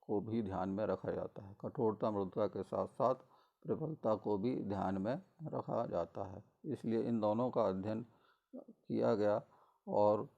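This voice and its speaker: Man, chemistry lecturer, gravelly, dark voice, measured explanatory pace, middle-aged. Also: on the low side, lo-fi sound. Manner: measured explanatory delivery with frequent fillers and self-corrections. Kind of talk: recorded college lecture.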